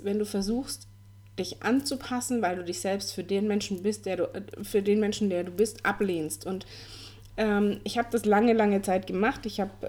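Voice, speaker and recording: A woman's voice: medium pitch, a little mellow. A woman in her forties hosting a podcast, telling her personal story in an earnest, candid way, with many fillers and restarts. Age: 40s. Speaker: podcast host.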